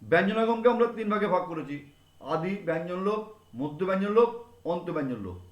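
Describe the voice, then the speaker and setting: A man's voice: sits high, animated, fast talker, muffled recording. Man teaching a grammar lesson, echoey room. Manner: repeats example words aloud to stress them.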